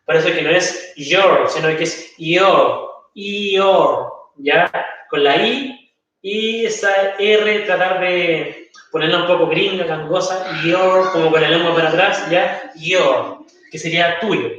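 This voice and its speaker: A man's voice: fairly high pitch, normal speed, fairly bright tone. A man with a Chilean accent teaching an English class to students, explaining patiently and checking in often. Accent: Chilean Spanish. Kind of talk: recorded online class explanation. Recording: echoey room, far from mic, dull lo-fi.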